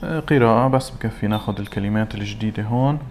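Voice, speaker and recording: A man teaching an English lesson. He reads English words slowly and then translates them. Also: lowish voice, darkish tone, slight background noise. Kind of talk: recorded classroom lesson.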